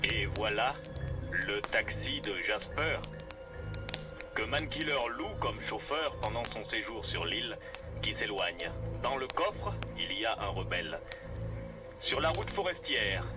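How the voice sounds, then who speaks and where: A man narrating a radio drama in French from a script, setting the scene as storyteller. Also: on the low side.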